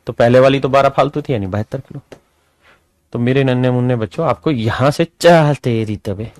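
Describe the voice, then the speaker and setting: A man teaching an arithmetic class, lively and coaxing, often asking his students whether they follow. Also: mid-range voice, dry recording, studio quality. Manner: lively, calls students "my dear children", rhetorical questions. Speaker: maths teacher. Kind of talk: classroom maths lesson.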